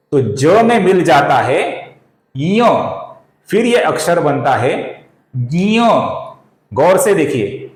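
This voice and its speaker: Slow-spoken man teaching Sanskrit recitation. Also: fairly high pitch, darkish tone, echoey room. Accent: Marathi. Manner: slow, deliberate, repeats syllables and addresses viewers as friends. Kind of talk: recitation lesson.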